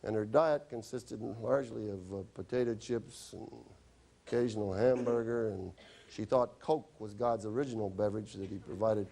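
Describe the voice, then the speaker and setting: A man's voice: lowish voice, normal speed, warm tone. A man who is a doctor, telling chatty, wry anecdotes in a health lecture. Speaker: doctor giving a stop-smoking talk.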